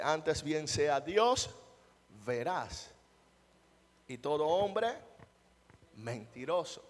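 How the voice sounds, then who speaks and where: Man preaching in a reverberant church. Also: a little high. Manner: rhetorical questions to the congregation, emphatic. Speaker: pastor. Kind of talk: sermon. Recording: long church hall reverb.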